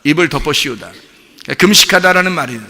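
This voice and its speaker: A male pastor preaching a sermon in a lively way, asking rhetorical questions and laughing along. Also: a little high, very fast, creaky. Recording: long hall reverb.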